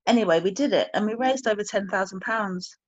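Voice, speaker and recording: A woman's voice: medium pitch, fairly quick, dry recording. A woman, speaking as a guest and telling a personal story candidly and reflectively, often searching for her words. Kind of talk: emotional personal story in conversation. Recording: dry, slightly dull lo-fi audio.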